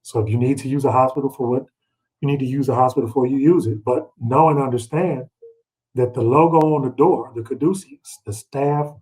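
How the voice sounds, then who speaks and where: Here a middle-aged Bible teacher guides listeners through a read-along, chatty and colloquial, mixing in personal stories and rhetorical check-ins. His mid-range voice is a little mellow, and the recording sounds rough.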